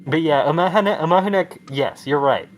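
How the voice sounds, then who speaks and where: A man's voice: a little high, fairly quick. A young man co-hosting a casual game stream, sarcastic and profane, rambling through banter. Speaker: streamer co-host. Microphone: headset.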